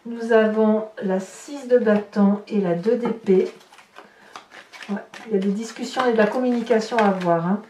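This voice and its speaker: Handling her cards and thinking out loud, a channel host offers an informal tarot reading in a warm, mid-range voice at a moderate pace. The recording is roomy and distant, with a little noise.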